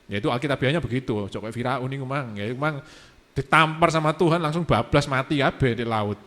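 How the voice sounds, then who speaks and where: A man's voice: mid-range voice, quick pace. Casual man. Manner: relaxed, mixes Javanese and English phrases. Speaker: guest speaker. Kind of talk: casual church youth talk.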